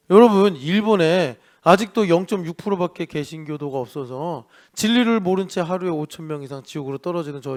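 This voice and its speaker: Male pastor, middle-aged, lively sermon delivery, voices for characters, higher-pitched. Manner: animated preaching, mimics the devil and sulking people. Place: church worship service.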